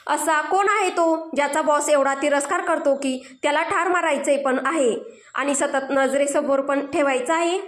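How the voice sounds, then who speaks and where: A woman's voice: high voice, moderate pace, close to an everyday voice. Woman voicing a frightened young henchman. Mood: fearful. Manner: anxious inner questioning. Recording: roomy echo.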